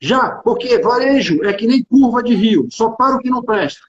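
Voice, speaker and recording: Speaking at normal speed with lively intonation, a high-voiced man from Rio de Janeiro holds forth in Carioca Brazilian Portuguese. He's a tax consultant and executive in an informal livestreamed business talk, emphatic, colloquial and opinionated, with frequent repetition. The room echoes and the stream's audio sounds dull and band-limited.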